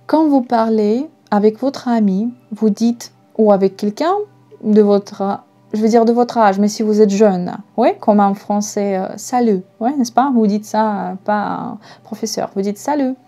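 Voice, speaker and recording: Slow, mellow Russian-accented woman teaching. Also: mid-range voice. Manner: patient, spells words out letter by letter. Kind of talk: slow online language lesson.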